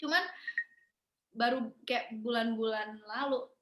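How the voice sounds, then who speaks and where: A young woman talks casually as an interview guest, her voice high and bright. She drifts easily into English phrases and laughs often. The room around her rings with echo. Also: steady tone, takes it slowly.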